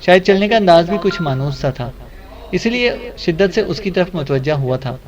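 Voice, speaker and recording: A man's voice: sits high, animated, far from the mic, crowd noise. Male audiobook narrator, muffled sound. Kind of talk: scripted narration.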